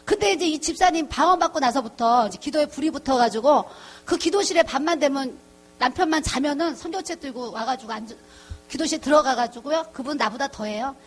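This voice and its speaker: The speaker is a middle-aged woman pastor, high-pitched and fairly quick, giving a chatty testimony sermon. She voices the characters in her story herself and laughs frequently.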